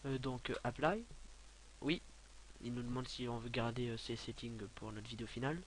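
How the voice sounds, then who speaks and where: A young man giving a casual, rambling software tutorial, filling his talk with hesitations and offhand asides. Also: mid-range voice, steady tone, normal speed, a little hiss or hum. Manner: rambling, many filler sounds, offhand asides. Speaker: tutorial maker.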